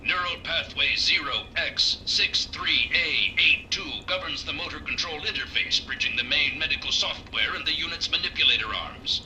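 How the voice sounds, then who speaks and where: A man voicing a malfunctioning male robot field medic that glitches and reports errors in flat, clinical machine announcements, with a robotic filter on the voice. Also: fairly high pitch, moderate pace, few pauses, distant mic, a little hiss or hum, poor audio. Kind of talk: video game character dialogue.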